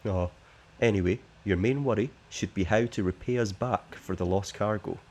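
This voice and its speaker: A man's voice: on the low side, moderate pace, a little mellow, husky. A man voicing a shady smuggler boss who offers a secret job, read plainly from the game text.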